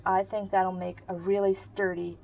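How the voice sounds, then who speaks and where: A woman's voice: medium pitch, little pitch movement, normal speed, gravelly, muffled recording. A woman giving a casual sewing tutorial, explaining each step in a friendly way while she works. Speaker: sewing instructor.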